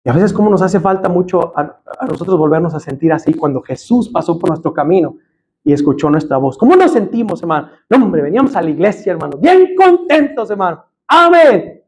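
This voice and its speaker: Mexican preacher guy, really high voice, emphatic church sermon, keeps saying brother. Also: sing-song, a little fast, a little mellow, rough recording. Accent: Mexican Spanish. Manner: emphatic preaching, often addressing the congregation as brother.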